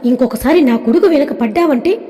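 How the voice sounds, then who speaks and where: A woman's voice: sits high, lively intonation, a little fast, warm tone. A woman voicing an arrogant, rich middle-aged mother who scolds and insults a young woman. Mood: scolding. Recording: long reverb.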